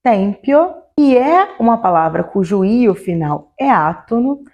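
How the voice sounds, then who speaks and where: A woman teaching an online grammar lesson, slowing down to spell out each example word. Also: a little high, sing-song, darkish tone, lo-fi sound. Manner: explanatory, slows to spell out example words. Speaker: Italian teacher.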